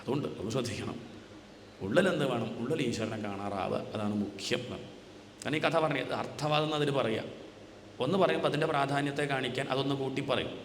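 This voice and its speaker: Spiritual teacher, male, mid-pitched voice, answers his own rhetorical questions; long hall reverb, faint background hiss. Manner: asks rhetorical questions and answers them himself; chants scripture lines slowly. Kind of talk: religious discourse. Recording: echoey hall with faint noise.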